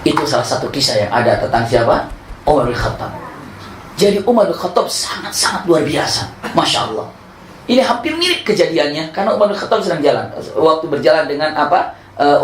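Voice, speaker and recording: A male preacher telling a story in an animated way, acting out the voices and laughing often, in an echoey room. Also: a little high, recorded from a distance, a little hiss or hum. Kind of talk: sermon storytelling.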